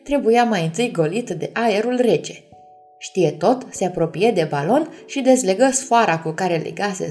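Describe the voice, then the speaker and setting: A woman reading a bedtime story aloud, gently addressing the children listening. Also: medium pitch.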